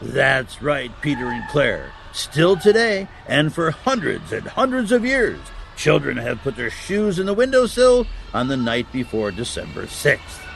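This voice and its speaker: A man playing a kindly, wise Saint Nicholas as Santa in a children's audio drama, explaining gently like a storyteller. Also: mid-range voice, wildly swooping pitch, measured pace, gravelly, few pauses, slight background noise, exaggerated voice.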